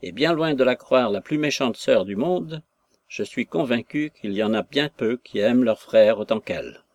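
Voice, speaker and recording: Soft-spoken, pleading young daughter in a storybook reading, as a male narrator puts her on; dry close sound. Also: medium pitch, lively intonation, normal speed, no room sound.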